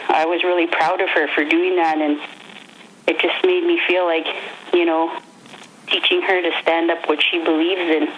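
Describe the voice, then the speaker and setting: A woman's voice: on the low side, a bit bright, slight background noise. Earnest mother on a phone line. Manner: earnest, reflective, many restarts. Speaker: interviewee, mother. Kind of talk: phone interview.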